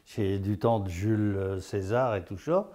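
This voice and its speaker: Give me an unhurried teacher, a man chatting through a dialect lesson. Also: fairly low pitch, mellow. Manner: chatty, tags lines with "hein?", laughs at his own jokes. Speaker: patois teacher on local TV. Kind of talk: folksy dialect lesson with anecdotes.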